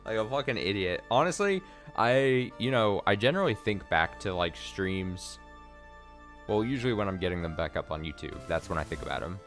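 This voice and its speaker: A man's voice: lowish voice, expressive, moderate pace, fairly bright tone, soft background music. A man giving casual, sweary game commentary as a streamer, often mocking himself.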